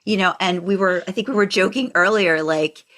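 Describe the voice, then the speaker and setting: A podcast co-host tells stories in a casual, conversational way, rambling and enthusiastic. Her voice is medium-pitched and a bit bright, and she speaks a little fast.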